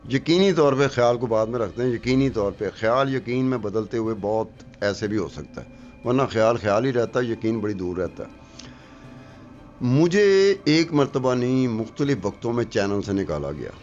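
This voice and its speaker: A man's voice: mid-range voice, animated, darkish tone, dull audio, faint music behind. A middle-aged man giving political commentary on a talk show, emphatic and argumentative, repeating his points for effect.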